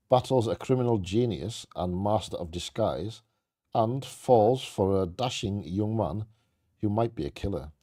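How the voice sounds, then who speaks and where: Low, mellow man reading mystery trivia aloud. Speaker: co-host of a bingo game.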